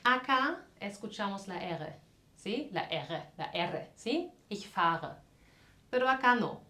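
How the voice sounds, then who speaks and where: Woman, casual lesson, slow careful demonstrations, roomy recording. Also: mid-range voice, big pitch swings, sharp tone. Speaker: language teacher.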